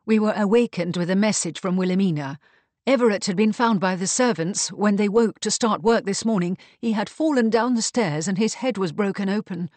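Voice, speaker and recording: A fierce elderly aunt, as a male reader puts her on, all exclamations and commands. Her voice lifts high above the narration. The sound is dry and close. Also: brisk, a little mellow, no echo, lightly acted. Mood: urgent. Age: older.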